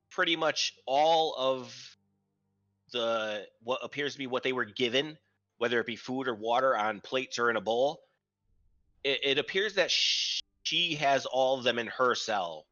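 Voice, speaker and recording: Brief: bright, forceful male game master, halting narration, dull lo-fi mic with faint music. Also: mid-range voice. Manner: hesitant narration with many ums and restarts. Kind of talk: narrating a tabletop game online.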